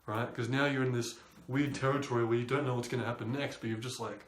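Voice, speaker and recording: A young man talks through dating advice in a casual, chatty way. His pitch sits in the ordinary middle range for a man. He often acts out what people are thinking, and the room around him gives a clear, roomy echo. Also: fairly even intonation, fast talker, slight background noise. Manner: loose, conversational, acts out quoted thoughts.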